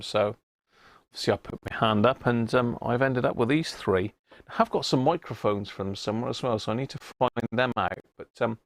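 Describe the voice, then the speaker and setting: Chatting live to viewers, the British host keeps things casual and matey. His voice sits in the mid range and there's no room sound.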